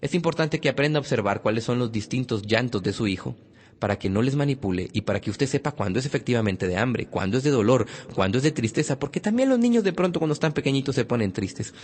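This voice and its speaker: A man's voice: mid-range voice, lively intonation, fast talker, a little mellow, big-room sound. A man giving a motivational parenting talk, speaking emphatically and addressing parents directly. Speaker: parenting lecturer.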